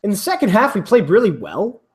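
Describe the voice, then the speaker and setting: A man's voice: high voice, huge pitch swings, brisk. A man hosting a casual chat, rambling with restarts and the odd swear. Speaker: rugby podcast host.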